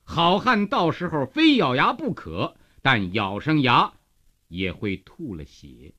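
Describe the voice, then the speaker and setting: A man, reading a novel aloud as a radio storyteller, emphatic and dramatic, moving between hushed and loud declamation. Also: mid-range voice, big pitch swings, slow pace. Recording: slightly muffled radio broadcast.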